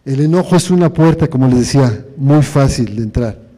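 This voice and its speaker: A man's voice: mid-range voice, animated, fairly quick, warm tone. A man preaching a sermon, telling stories and asking the congregation questions. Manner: storytelling, asks the congregation questions. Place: church hall. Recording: long reverb of a church hall.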